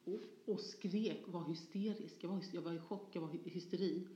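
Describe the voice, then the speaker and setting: A woman from Småland, a guest in a personal conversation, telling her story passionately; she moves from soft tones to forceful ones. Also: lowish voice. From Sweden, Småland. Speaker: interview guest. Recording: dull, echoey room sound.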